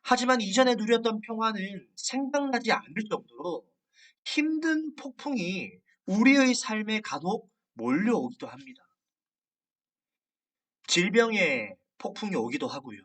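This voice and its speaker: A youth preacher delivers a sermon as a dramatic story and lifts the voice whenever characters speak. The pitch swings widely from line to line. The voice sounds a little far from the microphone. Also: sing-song, measured pace, a bit bright. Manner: storytelling, dramatic, raises voice for quoted lines. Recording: distant from the mic.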